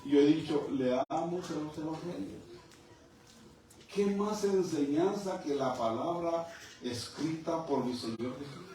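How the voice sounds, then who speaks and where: A man's voice: a little high, slow, warm tone, soft background music. A middle-aged man preaching a fervent sermon in a church, often calling his listeners brother. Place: church hall. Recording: echoey hall from far off, faint noise.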